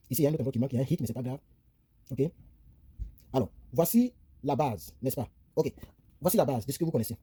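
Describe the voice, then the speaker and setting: A man gives a casual English grammar lesson at a quick clip, his voice husky and dark. He repeats points often, talks through what he writes on a tablet and corrects his own slips. The sound is dry and close, with no room around it. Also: a little high, dry recording. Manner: chatty, repeats himself, narrates his drawing on a tablet, self-correcting. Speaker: English teacher. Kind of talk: casual screen-recorded lesson.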